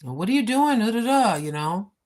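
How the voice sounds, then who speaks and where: An American woman in her sixties sits at home and chats casually on a live stream recorded with her phone, rambling with lots of fillers and speaking straight to her viewers. Her mid-range voice is sing-song and darkish in tone, and she talks fairly quickly.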